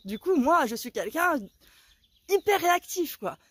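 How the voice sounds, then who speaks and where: A woman in her forties with a slightly high voice, worked up and theatrical as she recounts a story to her viewers. A sore throat holds her volume down, yet she stays vivid and blunt, swearing freely. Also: a little slow, no echo. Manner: animated, dramatic, colloquial storytelling with swearing. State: sore throat, talking softer than usual. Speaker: vlogger. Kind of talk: casual storytelling vlog.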